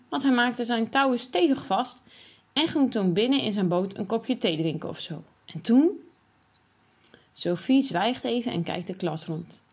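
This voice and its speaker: A woman reads a children's story aloud. Her delivery is lively and expressive, and she gives each character's line its own voice. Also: medium pitch, slightly rough.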